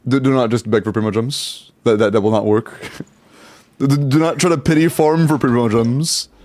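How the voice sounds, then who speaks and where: Over a headset mic on a livestream, a man with a medium-pitched, darkish voice and fairly even intonation streams a game at a moderate pace. He talks casually to his chat, stumbling and repeating words as he reacts, in a dry recording.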